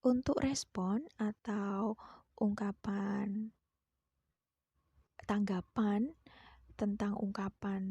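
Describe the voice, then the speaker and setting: Slow, husky-voiced woman teaching a lesson. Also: mid-range voice, warm tone, dry recording. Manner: reads English phrases slowly, then translates each one. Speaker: English teacher. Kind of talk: classroom lesson.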